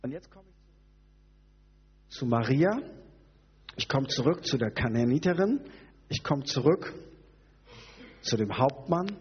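A man's voice: mid-range voice, long reverb tail, dull audio, a little hiss or hum. A man preaching a sermon, conversational and sometimes sarcastically joking, reflective in tone. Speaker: pastor.

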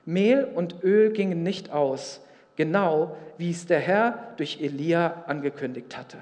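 A high-pitched male pastor delivers a sermon, speaking earnestly and directly to his listeners. He reads scripture aloud between his own points. His voice rings out with the long reverb of a church hall. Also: unhurried, a little mellow.

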